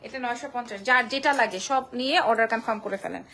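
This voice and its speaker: A woman selling clothes on a live stream from a small shop, repeating prices and sizes in a quick sales patter. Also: on the high side, fairly bright tone, slight background noise. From Bangladesh. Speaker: online clothing shop seller.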